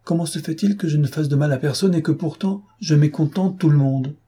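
A man's voice: on the high side, a little fast, mellow, slightly rough, voice pushed up. A man voicing an impulsive young woman who pleads like a scolded child in a storybook reading. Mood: contrite.

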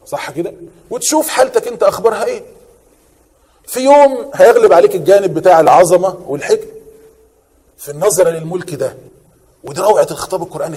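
A man's voice: high-pitched, slightly rough, in a large hall. A man with an Egyptian accent preaching a sermon, often asking his listeners a question and answering it himself. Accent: Egyptian Arabic. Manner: animated, asks and answers his own questions.

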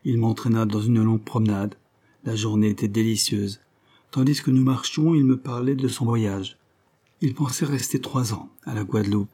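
A man reading a novel aloud as an audiobook narrator, in a measured, literary way. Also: lowish voice, warm tone. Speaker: audiobook reader. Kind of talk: scripted narration.

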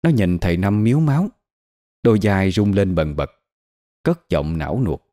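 A man giving scripted horror narration in a dramatic, expressive way. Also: low-pitched, normal speed.

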